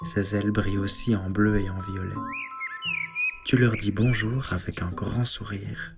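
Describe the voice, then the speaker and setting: Calm guy doing a bedtime meditation, lowish voice, slow, synth music under it. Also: creaky. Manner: slow, soft, calm guiding delivery. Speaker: sleep meditation guide. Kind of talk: guided sleep meditation and bedtime story.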